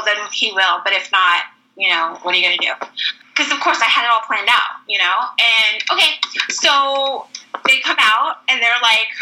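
A woman telling a casual anecdote in an animated way, full of "like" fillers, switching to a much higher pitch when acting out quoted voices. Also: poor audio. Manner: animated, heavy use of "like" fillers. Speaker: storyteller.

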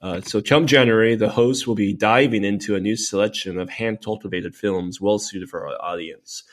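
A man's voice: fairly low pitch, normal speed. A man co-hosting a casual podcast, laid-back and easily amused. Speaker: podcast co-host.

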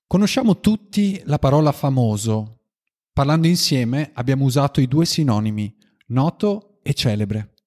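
An Italian man co-hosting an educational podcast for language learners, in scripted dialogue with measured, explanatory phrasing. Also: mid-range voice, animated, darkish tone. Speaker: podcast co-host.

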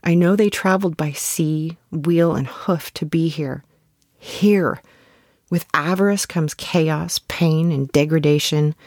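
A sorrowful female prophetess played by an actress in an audio drama, deep for a woman. She speaks very slowly and gravely, with portentous weight, in a dry recording. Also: darkish tone, no echo. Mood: sorrowful, ominous. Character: solemn, sorrowful prophetess nun foretelling doom.

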